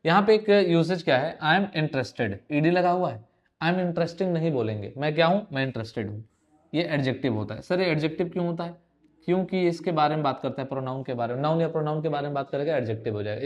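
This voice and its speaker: A man's voice: a little high, quick pace. A young man teaching an exam-prep grammar lesson, conversational and teasing, firing rhetorical questions at his students.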